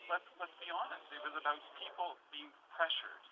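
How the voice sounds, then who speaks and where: A man's voice: fairly high pitch, steady tone, normal speed. A man giving impassioned political commentary at a press scrum, emphatic and given to repeating his points. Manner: emphatic, rhetorical questions and repetition. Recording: dull, noisy scrum recording.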